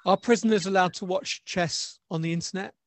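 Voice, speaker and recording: A man's voice: high-pitched, fairly even intonation, fairly quick. A man hosting a podcast, asking short, friendly questions in a casual interview. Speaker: podcast host.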